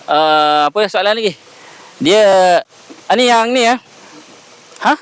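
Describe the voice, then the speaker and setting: Slightly high-voiced man interviewing casually. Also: expressive, takes it slowly, clean tone. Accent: Malaysian Malay. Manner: quiet frequent murmured backchannels.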